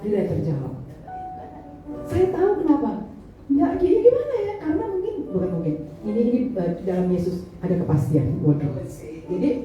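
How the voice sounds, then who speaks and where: Chatty woman preaching in an echoey hall. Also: on the low side. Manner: chatty, playful, teasing the congregation. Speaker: pastor. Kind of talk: sermon. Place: large church hall. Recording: echoey hall, distant mic, dull sound with music. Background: music.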